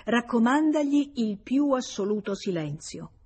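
A scheming young man who talks to his lover in a self-assured, confiding way, as a woman reading the story puts him on. His voice sits a little higher than the teller's own and has a husky breath to it. An audiobook character voice. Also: animated, unhurried, darkish tone.

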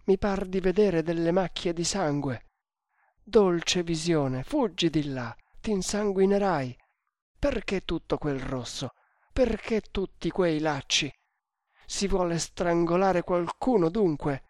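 A man voicing a young male snake hunter, brooding and haunted, crying out hoarsely in his sleep. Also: medium pitch, lively intonation, slow pace, no room sound, studio quality, heavily acted. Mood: anguished dreaming.

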